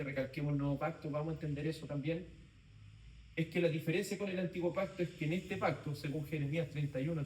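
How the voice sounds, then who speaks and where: Male Bible teacher, slightly high voice, lectures in short repeated phrases, recorded from across an echoey room. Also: a little mellow, distant mic. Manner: speaks in short phrases, repeats key points, asks the class to confirm. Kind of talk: theology class lecture. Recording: roomy echo, voice from off-mic, faint background noise.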